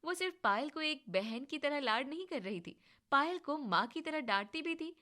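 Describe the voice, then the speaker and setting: A woman storyteller in scripted story narration, in an even, plain tone. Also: high-pitched, moderate pace.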